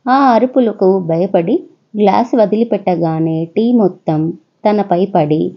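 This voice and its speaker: A woman with a Telugu accent narrating a children's story in a steady, even storytelling manner. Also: medium pitch, measured pace, highs cut off.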